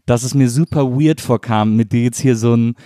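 Casual German podcast host, dry sound. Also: male voice, mid-range voice, normal speed, mellow, no echo. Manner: loose, rambling, many fillers.

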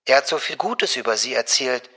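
A man's voice: mid-range voice, moderate pace. Man putting on a honey-voiced young secretary woman. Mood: gushing. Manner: honeyed, soft and intimate, drops to a whisper. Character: gushing young female bank secretary, sweet-talking.

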